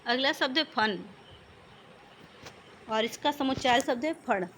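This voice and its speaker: A woman's voice: high voice, expressive, measured pace, fairly bright tone, a little hiss or hum. A woman teaching a vocabulary lesson, patiently explaining one word after another.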